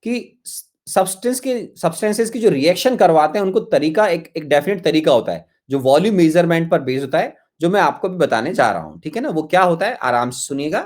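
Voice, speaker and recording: A man's voice: on the high side, expressive, brisk, hardly any pauses, darkish tone. A man teaching chemistry in an online class, coaxing his students, repeating himself and calling them his children.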